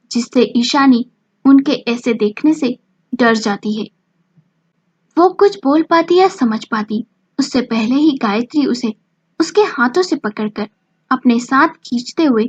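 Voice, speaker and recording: A woman reads a romantic drama story aloud in a steady, dramatic way. Her voice sits fairly high with a husky grain. The recording sounds dull and lo-fi. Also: dry recording. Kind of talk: scripted story narration.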